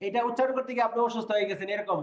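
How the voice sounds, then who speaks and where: A man with a fairly high voice gives an online lesson, patiently repeating sounds and asking his students whether they follow. The recording carries a noticeable room echo. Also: fairly even intonation, rapid-fire. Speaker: Korean language teacher. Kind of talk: online class lecture.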